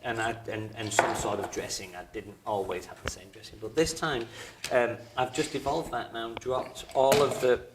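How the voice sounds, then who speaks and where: A man's voice: mid-range voice, steady tone, moderate pace, hardly any pauses. A man co-hosting a podcast, easygoing and agreeable in casual chat. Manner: easygoing, lots of agreeing fillers. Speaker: podcast co-host. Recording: echoey room with noise.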